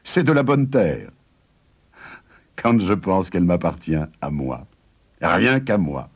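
A man's voice: low-pitched, sing-song, takes it slowly, husky, heavily acted. A man voicing a stubborn, sly farmer in a storybook tale.

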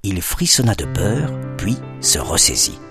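A man narrating a children's story expressively, dropping to a hush at suspenseful moments. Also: low-pitched, very animated, unhurried, gravelly, music in the background.

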